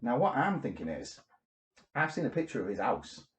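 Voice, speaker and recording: A man co-hosting a comedy podcast, telling a strange story with deadpan delivery and sudden shouted bursts. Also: mid-range voice, normal speed, roomy sound, a little hiss or hum. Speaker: podcast co-host.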